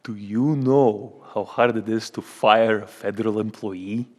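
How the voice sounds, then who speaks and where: A man playing a smug male union boss with a Russian accent, speaking halting, broken English with many repetitions in a comedy sketch. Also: on the low side, fairly even intonation. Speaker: union spokesman. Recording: long hall reverb.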